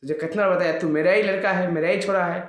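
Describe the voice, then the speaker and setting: A man's voice: sits high, steady tone, quick pace. A man voicing a fussing mother who coaxes and reassures her little son in a protective tone. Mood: coaxing, worried. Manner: coaxing and protective. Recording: echoey room.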